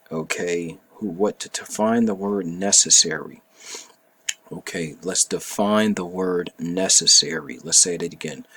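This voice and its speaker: A man with a deep, husky voice talks through a bill in casual opinion commentary. He is emphatic and animated, and keeps circling back to reread and repeat key phrases.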